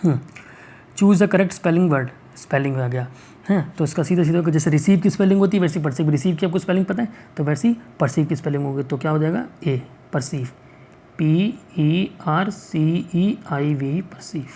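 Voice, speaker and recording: A male teacher going through exam questions, reading the English sentences out slowly and checking in often to ask whether it is clear. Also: fairly high pitch, warm tone. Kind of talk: exam-prep lesson.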